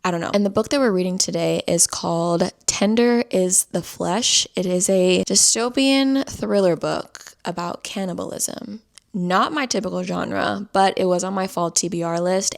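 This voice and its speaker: In a chatty, casual vlog, a young woman with a fairly low, gravelly voice talks while a bit congested. She frequently drops her voice to a whisper.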